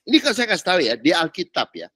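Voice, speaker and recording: A man preaching, teasing and animated in slangy street talk, mimicking people as he goes. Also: sits high, racing, husky, dry recording, studio quality. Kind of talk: sermon.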